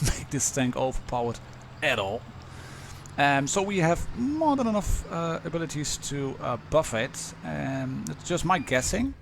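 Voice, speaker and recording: A Dutch man with a Dutch accent, casually commentating a live game stream with many pauses and restarts. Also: medium pitch, gravelly, background noise. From Netherlands.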